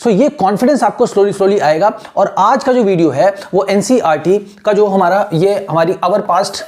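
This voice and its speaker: A man teaching an English lesson in mixed Hindi and English, asking rhetorical questions and repeating words slowly to show how they are pronounced. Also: high-pitched, a little mellow. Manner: asks rhetorical questions and answers them.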